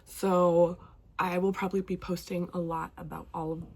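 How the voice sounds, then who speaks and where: This clip has a fairly low, slightly mellow female voice with a level tone and moderate pace. She's a young northwestern Montana woman doing a chatty, enthusiastic book vlog to camera, somewhat congested from a cold.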